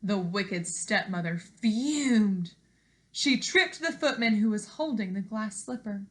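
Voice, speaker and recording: In her living room, a thirties-aged elementary teacher does an expressive read-aloud and lesson for young pupils. Her medium-pitched voice stays animated and encouraging as she asks the children simple questions.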